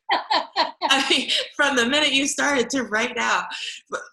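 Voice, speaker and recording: A woman's voice: high voice, expressive, slow pace, vocal fry, echoey room, rough recording. A woman from Hawaii and Colorado hosting an interview, affirming her guest often with "yeah" and "mm-hmm.". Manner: warm affirming listener, frequent "yeah" and "mm-hmm". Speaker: interview host. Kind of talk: conversational interview.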